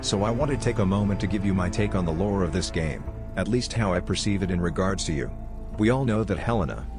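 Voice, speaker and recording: A man with a robotic voice filter giving scripted game commentary in a measured, explanatory way. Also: low voice. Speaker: gameplay commentator.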